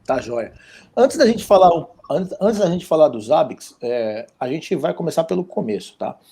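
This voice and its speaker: A man's voice: a little high, very animated, normal speed, creaky, mellow, breathy edge. A man with a Brazilian Portuguese accent hosting a live online interview, chatty and jokey. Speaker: interview host.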